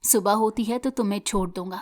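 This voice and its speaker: A woman's voice: medium pitch, darkish tone, close to an everyday voice. A woman voicing an arrogant, teasing young man in a story reading. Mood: mocking. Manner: mocking, then pleading.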